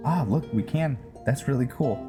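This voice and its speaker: A gaming host and role-player gives casual playthrough commentary and roleplay, thinking aloud as he goes. His mid-range voice moves at a moderate pace, while loud game music and the sound of rain play behind him.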